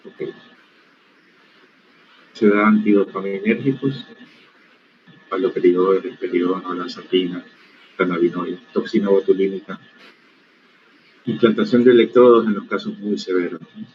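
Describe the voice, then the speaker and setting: In an online university lecture, a stern man with a lowish voice addresses medical students over a video call, correcting them firmly and plainly. He keeps a steady tone and moderate pace with long pauses, and the call audio is dull and lo-fi with faint background noise.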